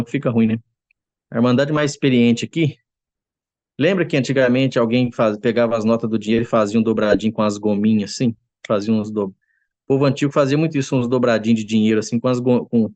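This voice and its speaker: A man's voice: medium pitch, darkish tone, dry recording. A man giving a testimony to a church congregation, telling an earnest story and often addressing his listeners as brothers. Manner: acts out quoted voices.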